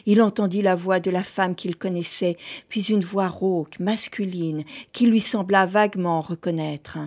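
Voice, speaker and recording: A woman giving measured, composed scripted narration of a literary drama. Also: lowish voice, fairly even intonation, darkish tone.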